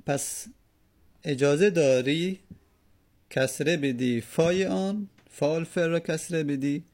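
A man teaching Arabic grammar in a patient way, repeating each word and sounding out the examples slowly. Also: a little high, darkish tone. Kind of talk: explaining Arabic grammar in Persian.

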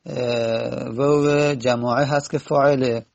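A man teaching a grammar lesson, repeating word forms slowly and correcting himself as he goes. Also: medium pitch, fairly even intonation, vocal fry, muffled recording.

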